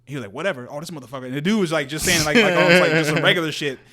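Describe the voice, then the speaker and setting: A man's voice: fairly high pitch, rapid-fire, sharp tone. Young man, laid-back profane podcast chat. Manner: loose, profane storytelling that slips into quoted voices; laughs often while talking. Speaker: podcast co-host. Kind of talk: casual chat.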